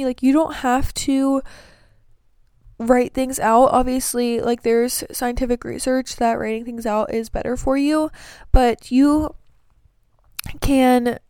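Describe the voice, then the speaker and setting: A woman's voice: on the high side, mellow, smooth, no echo, clean studio sound. A young woman chatting to camera about her life, earnest and sleepy, with many fillers. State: sleepy, yawning. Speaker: vlogger giving breakup advice. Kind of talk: casual chat to camera.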